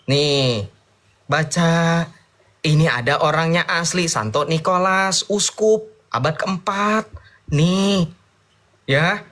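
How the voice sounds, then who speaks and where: Combative man with a fairly high voice. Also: a bit bright. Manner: combative, sarcastic, lecturing; mixes casual slang with formal speech. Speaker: debater. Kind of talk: heated online debate.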